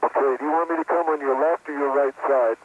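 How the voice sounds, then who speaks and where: Man, working astronaut, higher-pitched task talk on tinny, hissing astronaut radio. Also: fairly even intonation, fast. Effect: space-to-ground radio. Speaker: spacewalking astronaut. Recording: tinny noisy spacesuit radio link.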